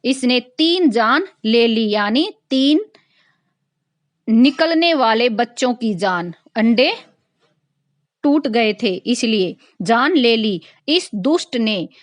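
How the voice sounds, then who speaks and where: A woman's voice: on the high side, expressive, takes it slowly, dry recording. A woman teacher voicing a stern village mother who scolds her son, reading it with emphatic stress. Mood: scolding.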